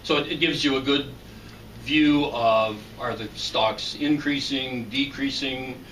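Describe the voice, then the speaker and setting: A man reading a formal introduction and then interviewing a student in a measured way. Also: medium pitch, a bit bright. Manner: measured, reads a prepared introduction. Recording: distant mic with faint noise.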